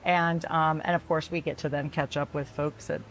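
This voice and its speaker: Woman co-host, easy chatty delivery, slight roughness in the voice, light outdoor hum behind. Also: low voice, flat delivery, normal speed. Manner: chatty, laughs often, rambling restarts. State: slightly rough voice after a long weekend. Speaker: podcast co-host. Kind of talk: casual chat. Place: outdoor veranda at a resort.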